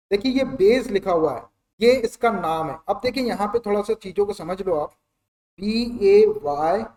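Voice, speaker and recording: A man's voice: sits high, a little mellow, recorded from a distance. A male maths teacher giving a chatty classroom lecture, repeating points and explaining with everyday examples.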